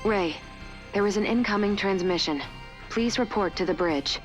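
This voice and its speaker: A woman voicing a female ship computer who calls out an announcement over a ship's PA intercom in a calm, even announcer manner. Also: medium pitch, normal speed, music in the background.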